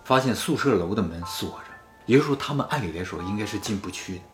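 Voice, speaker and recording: A man with a lowish voice talks fast while hosting a casual chat, telling a spooky story and acting out the quoted lines with animation. The sound is roomy, with faint music in the background.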